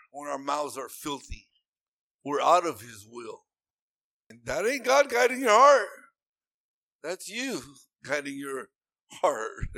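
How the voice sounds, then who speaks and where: A man's voice: a little high, creaky, fairly bright tone, no echo. A man preaching a sermon in an earnest, repetitive way that rises into emphatic bursts.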